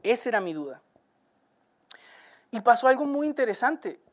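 A woman's voice: on the high side, sing-song, normal speed. A woman preaching a sermon, speaking earnestly and directly to listeners and repeating words as she builds each point.

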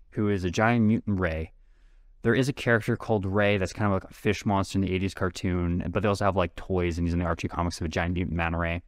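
A man co-hosting a casual podcast, talking quickly and tripping over his words as he rambles. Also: low voice, no room sound, studio quality. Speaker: podcast co-host. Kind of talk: casual chat.

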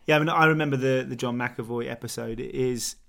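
A man in a casual conversation, asking questions in a relaxed, admiring way. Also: mid-range voice, quick pace, gravelly. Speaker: guest interviewer.

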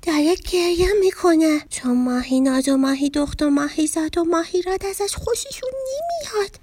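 A high-pitched, scatterbrained little fish from a children's storybook, as a woman plays it. The voice swoops up and down as it rambles and loses track of its words. Faint music plays softly underneath. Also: expressive, no room sound. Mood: explaining. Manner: rambling, tongue-tied and easily confused. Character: scatterbrained, flustered young fish schoolkid.

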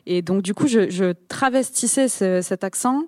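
A woman's voice: mid-range voice, moderate pace, no room sound, clean studio sound. A woman with a southern French accent from Toulouse, a podcast creator sharing candid personal stories as an interview guest. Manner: candid, animated storytelling.

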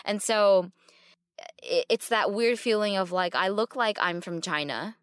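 A woman's voice: medium pitch, unhurried, clean tone, no echo, clean studio sound. A woman co-hosting a podcast, speaking earnestly and reflectively, often restarting her sentences. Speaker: podcast co-host. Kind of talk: casual conversational podcast.

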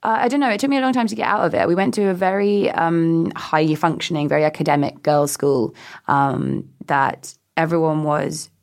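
Woman, modern British RP accent, low voice, casual reflective talk, self-deprecating, hesitant. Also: a little fast, a little mellow. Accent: British Received Pronunciation. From England. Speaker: interview guest.

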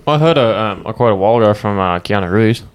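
A man's voice: fairly low pitch, expressive, quick pace. An Australian man co-hosting a podcast in casual chat, laid-back and often laughing. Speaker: podcast co-host.

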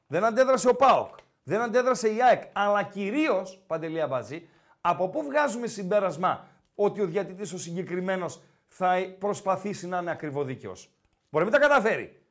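Lively high-voiced Greek man, teasing. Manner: teasing, animated, repeats the co-host's name. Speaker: podcast host. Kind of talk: casual sports talk.

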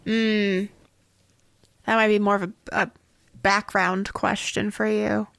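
Slow-talking wry woman player. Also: mid-range voice, little pitch movement, gravelly, fairly bright tone. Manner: wry, teasing. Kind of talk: casual tabletop game chat.

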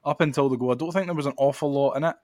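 A man's voice: mid-range voice, racing, dry recording. A man with a Scottish accent hosting a podcast, chatting casually about football. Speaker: podcast host.

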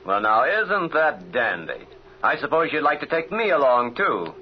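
A man's voice: mid-range voice, big pitch swings, normal speed, close to an everyday voice. An actor playing a gloating small-time crook with taunting wise-guy slang, in 1930s radio serial style. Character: gloating, mouthy male escaped crook, small-time thug. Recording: muffled, hissy vintage radio recording.

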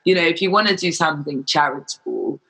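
A man's voice: fairly high pitch, fast, pushed and bright. A man chatting casually and frankly, explaining his views and acting out imagined quotes as he goes. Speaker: charity volunteer. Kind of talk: casual chat.

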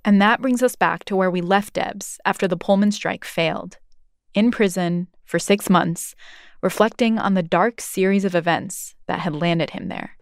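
A woman's voice: on the low side, moderate pace, vocal fry, dry recording, studio quality. A woman from New Jersey hosting and reading scripted documentary narration. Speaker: host and narrator.

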